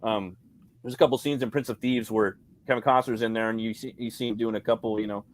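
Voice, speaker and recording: A fast-talking podcast co-host with a fairly low, steady voice chats casually about films. He rambles, swears heavily, and uses lots of slang.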